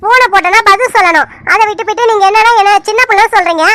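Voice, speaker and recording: A woman's voice: extremely high pitch, sharp tone, dry recording. Poomari, a woman voicing a spirited village girl in a cartoon. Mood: indignant. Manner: indignant, rapid back-and-forth arguing. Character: young village woman Poomari, quick-tempered, playful. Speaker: cartoon character. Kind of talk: animated serial dialogue.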